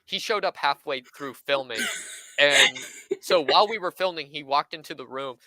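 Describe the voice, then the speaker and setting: A man in his twenties, a podcast guest, telling an animated anecdote and acting out what others said. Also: fairly high pitch, moderate pace, no room sound, low-quality recording. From Southern California. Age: 20s. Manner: animated anecdote teller, acts out quoted voices. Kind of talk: casual storytelling chat.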